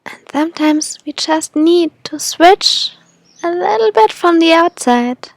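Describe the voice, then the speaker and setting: A woman leading a guided meditation in an airy, breathy, soothing manner, like a spiritual healer. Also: very high-pitched, lively intonation, a little slow, dry recording.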